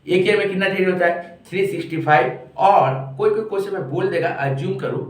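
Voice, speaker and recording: A man teaching an online commerce lesson, speaking slowly because he is a little unwell. He keeps asking questions and answering them himself. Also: high-pitched. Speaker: commerce tutor. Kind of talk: online lecture working through a problem. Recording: very echoey room, distant mic.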